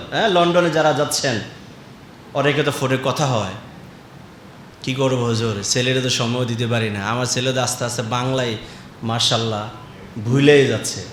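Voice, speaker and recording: A man from Comilla preaching a sermon, calling out questions to the crowd and swinging from loud to quiet. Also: a little high, reverberant, slight background noise. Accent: Comilla Bengali.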